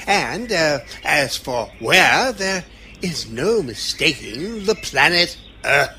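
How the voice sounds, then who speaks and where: Man acting bright, dithering eccentric alien doctor. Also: on the high side, big pitch swings, takes it slowly, faint music behind, exaggerated voice. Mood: cheerful, musing. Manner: dithering, full of ums, chuckles and broken phrases. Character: eccentric, kindly, cheerful old time-travelling alien doctor. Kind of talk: audio drama acting.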